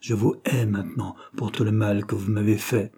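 A man's voice: lowish voice, fairly even intonation, normal speed, dark tone, husky. A man reading aloud, voicing a proud, heartbroken young orphan woman with bitter, tearful reproach. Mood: defiant.

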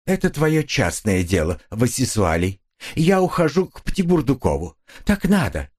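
A man's voice: medium pitch, very animated, normal speed, husky. A man voicing a cold, impatient wife who answers in a curt, dismissive manner. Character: cold, impatient wife leaving her husband, adult. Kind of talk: audiobook character voice.

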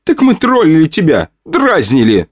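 A feisty, easily flustered young fiancée, as a male audiobook narrator puts her on, raised high above his own register. She bickers and scolds in sharp, lively bursts. It is read close and dry, with no room sound. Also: normal speed, dry recording. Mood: scolding, flustered.

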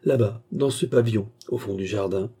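A man's voice: on the low side, normal speed, dark tone, husky. A man voicing a male stable groom who gives plain, obliging replies in a storybook reading.

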